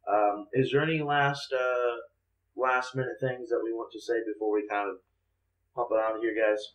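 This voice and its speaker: A man's voice: medium pitch, steady tone, moderate pace, reverberant, poor audio. A man hosting a casual gaming podcast over voice chat, rambling and thinking aloud as he talks. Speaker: podcast host. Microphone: voice chat over Discord.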